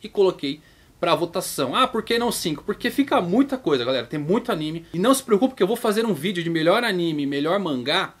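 This Brazilian YouTube manga channel host speaks with a Brazilian Portuguese accent and a husky voice, talking fast with lively intonation. His vlog style is casual and chatty, and he voices viewers' questions in a higher register.

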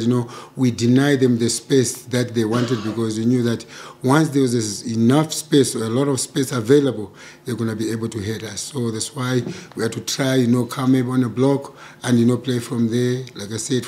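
A middle-aged man, a football coach answering questions at a post-match press conference, speaking in a measured way with many "you know" fillers into table microphones. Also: mid-range voice, a little mellow, slight background noise. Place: press conference room with sponsor backdrop. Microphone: table microphones in front.

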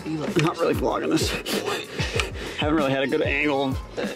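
A man's voice: fairly high pitch, level tone, a little slow, creaky, loud music behind the voice. A young man from the Boston area with a Boston accent, chatting and teasing his friend while installing car parts. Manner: joking, bossy, bursts of teasing. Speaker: car vlogger. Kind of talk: casual chat while working on a car.

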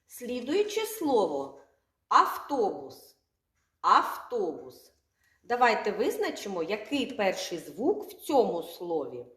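A woman teaching young children their first letter sounds, stretching words out slowly and asking the class questions. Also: mid-range voice, sing-song. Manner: slow, drawn-out sounds, asks children questions. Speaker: kindergarten teacher. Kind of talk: literacy lesson for young children. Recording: echoey room, from far off.

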